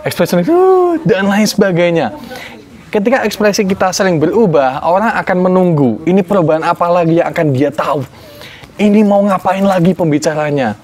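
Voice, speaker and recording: A young Indonesian man teaching public-speaking tips in an online tutorial, with lively, exaggerated intonation. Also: on the high side.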